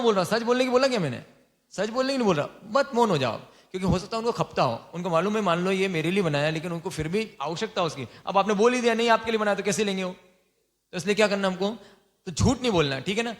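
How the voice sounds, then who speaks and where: A man, a monk, gives an informal sermon on lay vows, teasing his listeners and quizzing them with quick repeated questions. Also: sits high, expressive.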